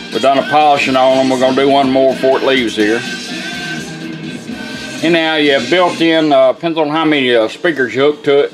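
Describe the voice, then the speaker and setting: A plainspoken, folksy man who restores radios gives a casual demonstration of his work. His voice sits in the mid-range, and the recording quality is poor.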